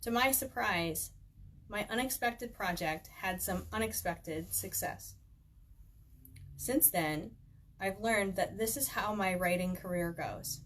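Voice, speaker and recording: The audio quality is poor as a woman with a mid-range, somewhat bright voice slowly reads her own book at home. Her delivery is conversational, with casual asides, and background noise comes through clearly.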